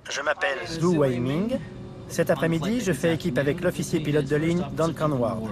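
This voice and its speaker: An actor playing an airline captain, making a formal, polite cabin announcement to passengers over the plane's speakers. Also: male voice, fairly high pitch, lively intonation, normal speed. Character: calm male airline captain greeting passengers. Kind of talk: dubbed documentary reenactment.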